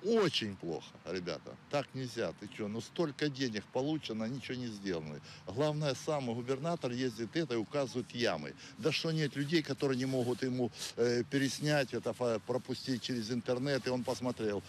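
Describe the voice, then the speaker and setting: A man's voice: mid-range voice, expressive, a little fast, hardly any pauses, a little hiss or hum. A man answering a street interview in a blunt, exasperated way. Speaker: passer-by.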